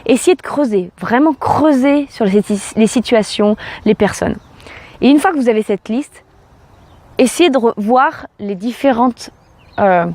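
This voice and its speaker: A young adult woman life coach giving calm, earnest advice straight to camera, asking the viewer rhetorical questions. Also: on the high side. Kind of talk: direct-to-camera advice vlog.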